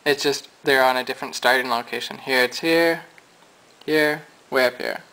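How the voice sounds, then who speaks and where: A man's voice: mid-range voice, fairly even intonation, normal speed, bright, forceful tone, low-quality recording. A man giving a casual, chatty piano lesson, explaining his points at the keyboard. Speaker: music teacher. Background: piano notes.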